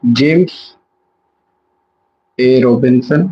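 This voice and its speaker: A man's voice: medium pitch, very slow, slightly rough, muffled recording. A young man giving a live revision lesson, chatty and self-correcting, mixing English words into his Hindi. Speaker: exam prep teacher.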